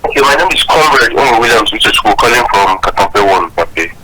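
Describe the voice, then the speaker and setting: A man's voice: medium pitch, expressive, fairly quick. A man phoning in to a talk show, earnest and aggrieved, asking rhetorical questions over a phone line. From Nigeria. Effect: heard over the phone. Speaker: radio-TV phone-in caller. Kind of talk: call-in commentary. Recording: noisy, distant phone line.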